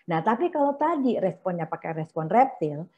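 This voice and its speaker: A woman's voice: fairly low pitch, very animated, normal speed. Middle-aged Indonesian woman lecturing over video call. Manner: explanatory, acts out inner self-talk in a hushed voice. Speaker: psychologist giving a seminar talk. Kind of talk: online seminar lecture. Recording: dull lo-fi video call audio.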